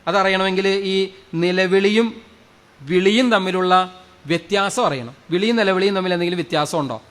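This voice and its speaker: Fervent high-voiced priest preaching. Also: male voice, fairly quick. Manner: fervent, repeats phrases, asks the crowd questions, swings loud and soft. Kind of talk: sermon. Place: church or prayer hall with a congregation.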